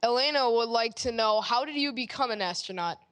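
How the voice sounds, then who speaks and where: A woman's voice: on the high side, a little fast, a bit bright. A female questioner reading out a question submitted by someone else. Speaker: questioner relaying library questions.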